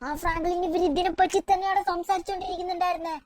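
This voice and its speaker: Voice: very high-pitched, flat delivery, fast talker, a little mellow. Someone voicing a cheeky little cartoon boy who keeps urgently calling his friend, in a gameplay role-play. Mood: eager.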